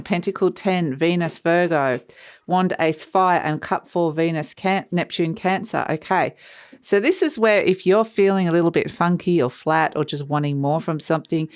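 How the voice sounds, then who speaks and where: A tarot reader giving a casual, unscripted mystical horoscope reading, speaking conversationally and encouragingly straight to the listener. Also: mid-range voice.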